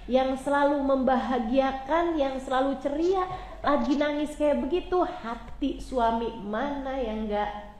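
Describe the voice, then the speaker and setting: A woman preacher telling a religious story with emotion, dropping soft and low when she quotes the figures in it. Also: slight background noise. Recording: echoey room with faint ambience.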